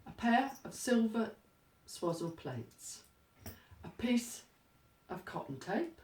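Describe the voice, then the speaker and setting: With a somewhat high, sing-song, slightly mellow voice, a woman slowly guides listeners through a craft step by step. Her delivery is instructive, plain and practical. A distant mic gives the audio a roomy, echoing quality.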